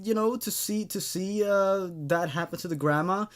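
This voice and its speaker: A man with a high, clear and resonant voice at normal speed hosts a horror story review show. He gives rambling commentary and reads amateur horror stories aloud hesitantly, often repeating words as he thinks.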